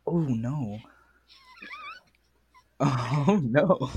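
A man hosting a podcast, chatting casually with crude, excitable banter while straining a sore voice. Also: mid-range voice, very slow, slightly rough. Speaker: podcast host. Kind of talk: casual chat.

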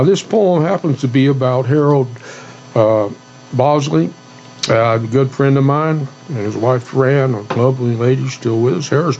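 A man with a gravelly, creaky voice speaks in a folksy cowboy manner, as if at ease sharing cowboy poetry and chat. His pitch sits in the middle. The recording is dull, with a faint hum behind him. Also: a little mellow. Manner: folksy, plain-spoken cowboy talk. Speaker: co-host of a casual talk show.

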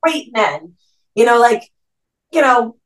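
A woman in her thirties with a New Jersey Italian-American accent, a podcast guest telling a story in an animated way and saying "like" a lot. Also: a little high, slow pace, far from the mic, poor audio. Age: 30s. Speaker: podcast guest, restaurant co-owner. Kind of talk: casual chat.

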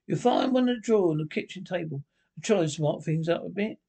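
A man reading aloud and voicing a cheerful, brisk male water rat with a hearty, bustling manner. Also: high-pitched, expressive, gravelly, dark tone, full character voice. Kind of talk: storybook reading.

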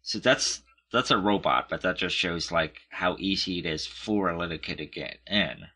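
A man's voice: deep voice, moderate pace, bright, forceful tone. A man chatting casually, rambling and hesitant, often searching for words. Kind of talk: casual chat.

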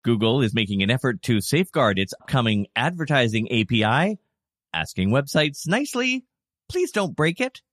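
A man's voice: on the low side, fairly bright tone, no room sound, clean studio sound. A man hosting a news podcast, delivering scripted reports and casual asides as a presenter.

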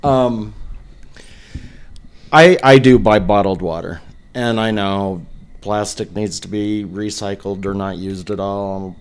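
A man's voice: fairly low pitch, steady tone, slow, pauses often, clear, resonant tone. A man co-hosting a podcast, talking in a laid-back, casual way and swearing freely. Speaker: podcast co-host.

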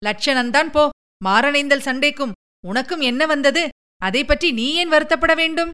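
A woman's voice: sits high, moderate pace, sharp tone, voice pushed up. A woman voicing a protective, fond old nursemaid who talks in a coaxing, gossipy way.

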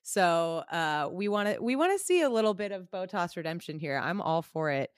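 A woman co-hosting a podcast, chatting casually in a measured, slightly hedging way. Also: on the low side, sing-song, smooth, no room sound, clean studio sound. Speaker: podcast co-host. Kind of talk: casual chat.

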